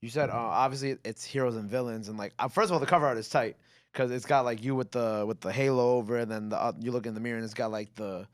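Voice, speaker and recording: A man's voice: medium pitch, fairly even intonation, quick pace. A man in his twenties hosting a casual interview, asking long rambling questions full of fillers. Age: 20s. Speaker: interview host.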